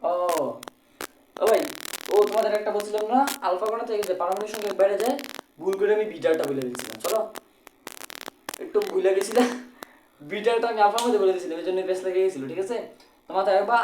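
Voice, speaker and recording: A man's voice: sits high, a little mellow, reverberant, a little hiss or hum, low-quality recording. A man with a colloquial Bangladeshi Bengali accent teaching an exam-prep physics lesson, repeating phrases and asking and answering his own questions. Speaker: physics tutor.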